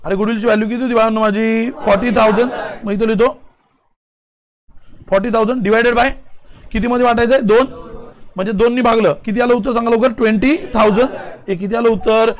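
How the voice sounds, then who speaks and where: A male commerce teacher leading a classroom accounting lesson, firing quick questions and calling on students to answer loudly. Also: very high voice, steady tone. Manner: drilling students with rapid call-and-response questions. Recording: class chorus behind.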